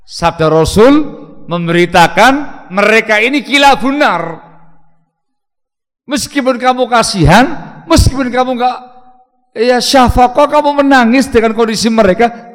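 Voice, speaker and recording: Male preacher, slightly high voice, animated sermon delivery, long reverb. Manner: lively storytelling, swings between loud and hushed. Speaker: Islamic preacher.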